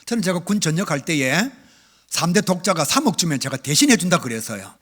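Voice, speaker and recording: Husky-voiced pastor telling a lively testimony. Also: male voice, a little high, brisk. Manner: storytelling, animated swings between loud and hushed. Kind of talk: revival sermon with personal testimony. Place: church sanctuary.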